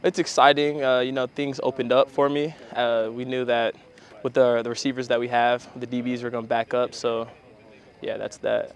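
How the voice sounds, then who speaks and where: A man's voice: medium pitch, little pitch movement, normal speed. A young man from New Mexico giving casual, matter-of-fact answers as a college football player in an interview. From New Mexico, United States. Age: young adult. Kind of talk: post-practice media interview answers.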